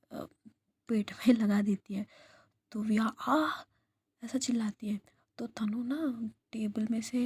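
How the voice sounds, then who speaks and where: Slow whispered role-play storyteller, a woman. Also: mid-range voice, breathy edge. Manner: soft, hesitant whispered narration with fillers.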